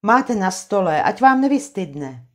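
A woman voicing a caring young housemaid who calls out in a high voice. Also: sing-song, close to an everyday voice. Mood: calling. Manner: high, calling out.

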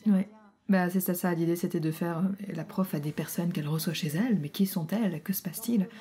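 Soft-spoken husky woman commentator. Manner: deliberately soft, low-volume talk; chatty, explains jokes, laughs easily. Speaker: co-host of an audio commentary. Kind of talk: casual chat.

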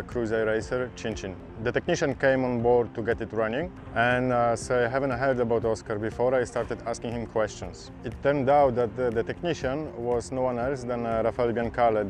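A man in his thirties, an expedition sailor giving a steady, plain-spoken testimonial to camera. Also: mid-range voice.

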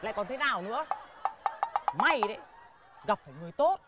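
An actress playing a sly, teasing wife in a comedy film. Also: female voice, fairly high pitch, very animated, fairly quick, loud music behind the voice. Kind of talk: comic film acting.

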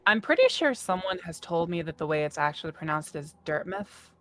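A woman's voice: lowish voice, big pitch swings, brisk. A woman hosting a stream, chatting casually and teasing her guest with dry banter. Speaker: streamer host.

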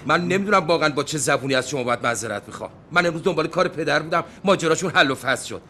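A polite, placating young son. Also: male voice, on the high side, lively intonation, bright, forceful tone, a little hiss or hum. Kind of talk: sitcom acting.

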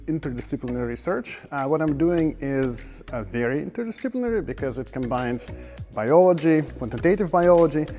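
A man's voice: mid-range voice, darkish tone. A middle-aged man originally from Ukraine, a research fellow giving an earnest talk to camera in a greenhouse, with some fillers. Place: indoor greenhouse with plants.

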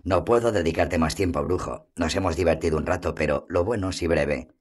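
A man's voice: deep voice, a little fast, a little mellow, close to an everyday voice. A man reading a fantasy audiobook, voicing a proud female sorceress who speaks in a scornful, breathless way.

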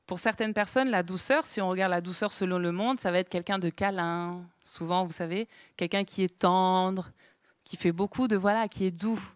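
A woman's voice: lowish voice, normal speed, clean tone, no room sound, studio quality. A woman giving an interactive Bible lesson to a small group, asking them questions and writing on a board as she goes. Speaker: Bible teacher. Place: meeting room with a small group.

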